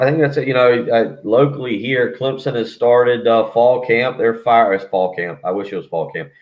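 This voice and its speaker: A man talking casual sports as a guest over the phone, rambling and interrupting himself. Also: medium pitch. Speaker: radio host as call-in guest. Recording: muffled phone line.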